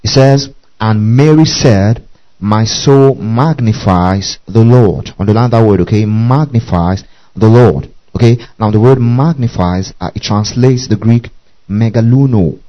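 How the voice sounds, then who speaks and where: A man's voice: fairly low pitch, a little slow, mellow. A man preaching a Bible lesson, who keeps checking in with his listeners by asking "okay?" and "do you see that?". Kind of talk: bible teaching sermon. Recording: muffled lo-fi recording.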